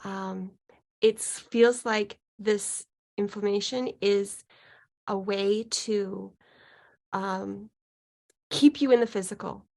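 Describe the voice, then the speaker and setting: A woman guiding a client through an unscripted healing session as a mystical healer, speaking in a halting, searching way with thoughtful pauses. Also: mid-range voice, fairly even intonation, creaky, a little mellow. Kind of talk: unscripted guided healing session, musing aloud.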